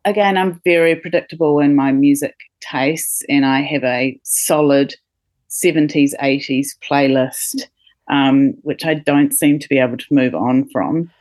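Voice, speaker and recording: A middle-aged woman, a podcast guest, chatting casually with many pauses and fillers and laughing now and then. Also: sits low, fairly even intonation, darkish tone, dry recording. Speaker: podcast guest, company co-founder. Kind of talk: casual interview chat.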